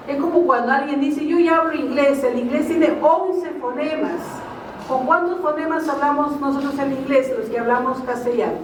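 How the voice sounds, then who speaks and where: A woman's voice: high voice, a little mellow, slight background noise. A woman gives a linguistics lecture at a university fair, explaining with frequent tag questions. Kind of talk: public talk at a vocational fair. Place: large hall at a university fair. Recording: very echoey hall, speaker far from mic.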